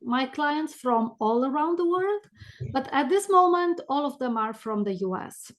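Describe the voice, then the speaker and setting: Speaking with a thick Romanian accent, this middle-aged woman is a business coach guesting on a podcast. Her high-pitched voice has lively intonation as she shares stories in a relaxed, unhurried interview.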